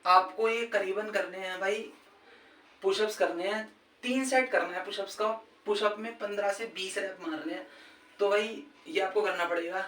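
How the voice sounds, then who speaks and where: Man, high voice, casual fitness coaching, echoey room, off-mic. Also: moderate pace, sharp tone. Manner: chatty, keeps saying "brother" and "okay". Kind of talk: casual instructional vlog. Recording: echoey, distant, faint background noise. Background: faint ambient sound, a TV match playing.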